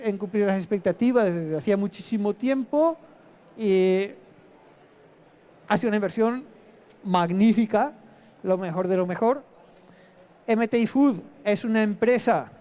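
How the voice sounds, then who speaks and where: A man's voice: high voice, darkish tone. A man giving a live presentation to an audience as an invited investor, explaining his reasoning in a plain-spoken way and thinking aloud.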